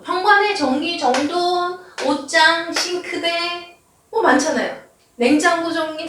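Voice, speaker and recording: A woman's voice: high-pitched, noisy background. A middle-aged woman, a family counselor, explaining anger and personal rules with everyday examples and acting out the arguments she quotes. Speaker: family counseling center director. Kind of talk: lecture on anger coaching. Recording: very echoey room, voice from a distance.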